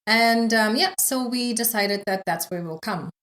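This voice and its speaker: A woman's voice: fairly high pitch, a little slow, a bit bright. A middle-aged woman from South Africa with a South African accent, telling her story casually as an interview guest, with frequent fillers and light laughs. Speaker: guest, yoga instructor.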